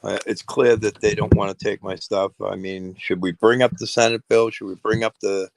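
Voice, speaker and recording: A man's voice: fairly low pitch, little pitch movement, moderate pace, gravelly. A man co-hosting a casual chat, wary and doubtful, trailing off into restarts as he plans his next call. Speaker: co-host.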